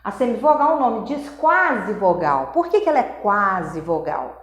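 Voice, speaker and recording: A woman teacher giving a recorded grammar lesson, explaining patiently, checking in with her students and sounding out syllables and vowels slowly. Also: medium pitch, sing-song. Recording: echoey room.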